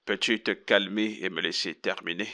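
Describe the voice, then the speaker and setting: Moralizing counselor in a dubbed drama; low, bright, measured. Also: male voice, steady tone. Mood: probing. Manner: measured, sermonizing. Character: moralizing male counselor, calm and preachy. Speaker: marriage counselor.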